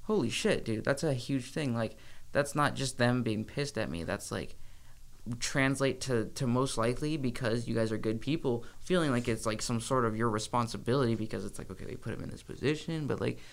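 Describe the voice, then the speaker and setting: Man, gravelly, young, frank and profane, casual chat. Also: mid-range voice, moderate pace. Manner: frank, profane, animated storytelling. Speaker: addiction treatment staff member. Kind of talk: casual conversation.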